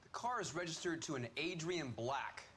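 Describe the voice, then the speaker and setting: An actor playing a brisk 1940s beat cop, giving matter-of-fact, slangy police reports in a detective game. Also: male voice, a little high, lively intonation, a bit bright, slight background noise. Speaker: police patrol officer. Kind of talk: period detective game acting.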